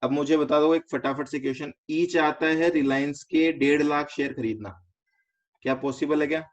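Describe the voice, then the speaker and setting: Here an Indian man with a fairly high, steady voice conducts an online finance lecture. He explains methodically, quizzes students with short questions, and mixes English terms into the lesson. The recording has a slightly dull, lo-fi quality.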